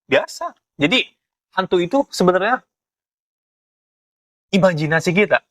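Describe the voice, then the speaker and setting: A young man with a Jakarta Indonesian accent explains things in casual chat, haltingly, often searching for words. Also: high voice, expressive, fairly bright tone, no room sound, studio quality. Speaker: ghost photographer being interviewed.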